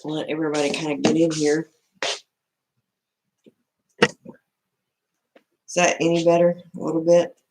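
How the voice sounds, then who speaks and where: Female livestream host, Southern US accent, lowish pitch, informal folksy chat with viewers, echoey room. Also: flat delivery, takes it slowly, pauses often, noisy background. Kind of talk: casual live-stream chat, greeting viewers. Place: indoor room at home.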